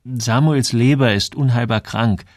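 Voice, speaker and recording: A man voicing an earnest, quick-tempered young sailor visiting home, in an audiobook. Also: medium pitch, no echo, studio quality, lightly acted. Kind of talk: audiobook character voice.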